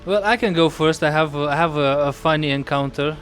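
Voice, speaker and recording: Slightly high-voiced man, halting casual talk. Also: fairly bright tone, soft background music. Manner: halting, searching for words. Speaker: podcast co-host. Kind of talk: casual chat.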